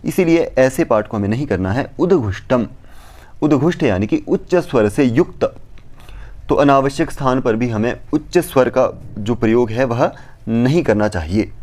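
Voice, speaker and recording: A man at an ordinary pitch gives a lesson as a teacher. He recites verse lines slowly and deliberately, then explains each point in a patient, step-by-step way. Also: darkish tone. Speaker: Sanskrit teacher. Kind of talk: explanatory lecture.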